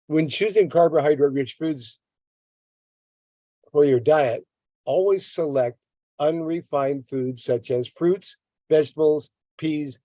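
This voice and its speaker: An older man teaching about health reads from a text and adds his own remarks, repeatedly stumbling over words and launching into long rants about a government agency. His voice is medium-pitched and dark, with no echo.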